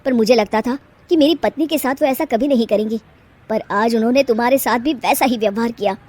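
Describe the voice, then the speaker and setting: A woman voicing a gentle, patient young man, the stepson, speaking softly and calmly in a storybook tale. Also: fairly high pitch, a little fast, a little hiss or hum, natural voice. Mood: gloomy. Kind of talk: storybook voice acting.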